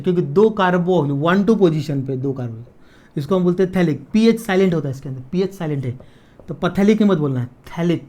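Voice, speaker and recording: A man's voice: high-pitched, mellow. Chemistry teacher, man. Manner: repeats key terms slowly, asks students "clear?". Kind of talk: casual classroom lecture.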